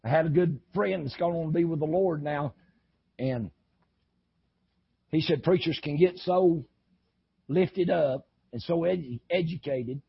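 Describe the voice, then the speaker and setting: A man preaching an impassioned sermon, swinging from shouting to low, intense talk. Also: measured pace, creaky, long pauses, slightly rough, dull audio. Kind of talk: fiery sermon.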